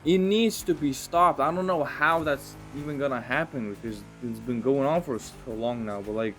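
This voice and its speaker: A man's voice: mid-range voice, moderate pace, faint music behind. A young man ranting in a vlog, stuttering heavily and repeating sounds as he speaks in an agitated, fed-up way. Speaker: vlogger. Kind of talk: ranting commentary.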